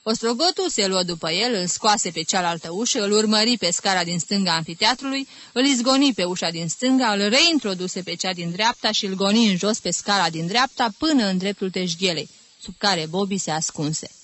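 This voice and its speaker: Woman audiobook narrator, expressive storyteller, crisp forward tone, dry booth sound. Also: medium pitch, no room sound. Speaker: audiobook reader.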